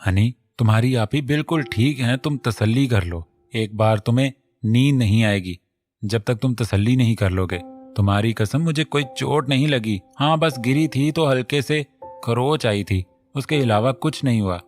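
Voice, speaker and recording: A feisty, quick-tempered young wife with a sulky edge, read by a male narrator in his plain voice. Her mid-range voice carries over faint music. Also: medium pitch, lightly acted. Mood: affectionate.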